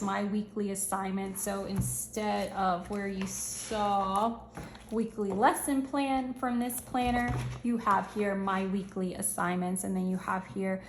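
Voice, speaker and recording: Reviewing planners for her channel in a casual walkthrough, an upbeat woman chats in slang and thinks out loud. Her mid-range voice is fraying and slightly hoarse as she loses it, though her delivery stays steady and flat. The sound is roomy, with a little hiss or hum.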